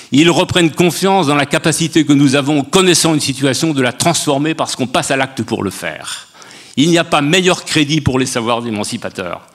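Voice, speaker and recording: An older man speaks as a guest in a public panel debate, building long sweeping sentences with passion. He holds a handheld mic on a stage in a large dark hall. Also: fairly high pitch.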